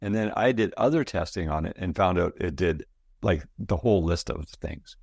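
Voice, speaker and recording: A man's voice: deep voice, animated, moderate pace, gravelly, a little mellow, slightly rough, no echo, clean studio sound. A man in his sixties, a guest talking casually and enthusiastically in an interview, telling stories and often repeating words. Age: 60s. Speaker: guest, product founder.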